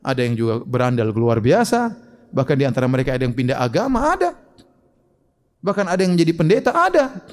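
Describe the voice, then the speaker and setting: A man's voice: mid-range voice, huge pitch swings, fast talker, long pauses, long reverb tail. A man giving an emphatic religious question-and-answer lecture, full of rhetorical questions. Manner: emphatic, rhetorical questions, shifting loud and soft. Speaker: Islamic preacher.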